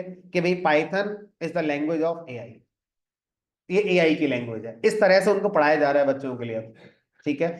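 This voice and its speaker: A man in a slightly high voice gives a classroom lecture on programming. He explains one point at a time and mixes English terms into his Hindi. The recording rings with a clear room echo. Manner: explains step by step, often adds "ठीक है" to check in. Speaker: programming teacher. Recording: echoey room.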